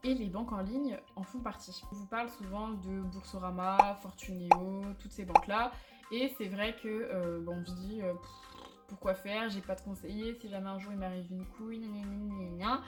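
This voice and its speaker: Young woman vlogger, chatty and candid, mid-pitched voice, faint music underneath. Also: fairly even intonation, moderate pace. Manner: chatty, candid, self-mocking, many fillers. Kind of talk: casual chat to camera. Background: faint background music.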